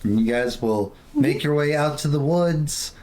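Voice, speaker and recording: A man's voice: fairly high pitch, expressive, unhurried, a little mellow. A man speaking casually as game master, narrating and chatting with the players.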